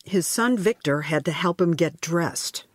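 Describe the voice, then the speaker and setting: A woman correspondent reading a scripted news report in a measured, grave manner. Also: lowish voice.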